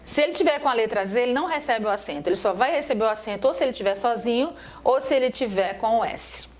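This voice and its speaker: A woman's voice: a little high, animated, fast, a little hiss or hum. A woman teacher giving a recorded grammar lesson over slides, explaining step by step and asking and answering her own questions. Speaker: Portuguese teacher.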